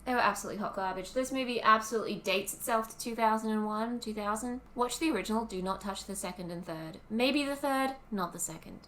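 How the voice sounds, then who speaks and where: A woman in her twenties with an Australian accent, co-hosting a podcast in casual chat, talkative and quick to laugh. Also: fairly high pitch, fairly bright tone. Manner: chatty, laughs often, lots of ums. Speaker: podcast co-host. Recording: roomy with faint ambient noise.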